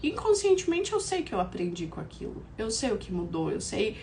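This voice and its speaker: A middle-aged Brazilian woman with a hoarse, croaky voice from an inflamed throat, talking casually and reflectively as she teaches on a livestream. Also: mid-range voice, huge pitch swings, brisk, a little mellow, a little hiss or hum. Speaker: host of a tarot challenge.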